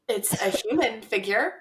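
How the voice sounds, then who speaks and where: A woman co-hosting a podcast in casual chat, upbeat and playful, leading the talk. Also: a little high. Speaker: podcast co-host.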